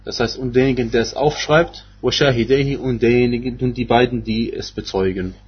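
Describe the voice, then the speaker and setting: A man's voice: medium pitch, fairly even intonation, a little fast, slightly rough, dull audio. A man giving a religious lecture on scripture, speaking hesitantly with many fillers and restarts. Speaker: Quran exegesis teacher.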